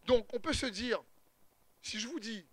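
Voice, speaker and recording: A man preaching a sermon, retelling a scripture story with humor and lively asides. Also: very high voice, unhurried, no room sound.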